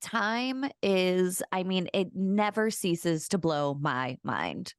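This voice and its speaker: A woman in her forties co-hosting a podcast, upbeat and encouraging, quick to giggle. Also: lowish voice, lively intonation, clean tone, dry recording. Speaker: podcast co-host. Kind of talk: casual chat.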